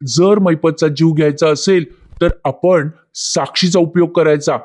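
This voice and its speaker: A woman reading the lines of a scheming, sharp-tongued young woman. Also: low-pitched, fairly even intonation, measured pace.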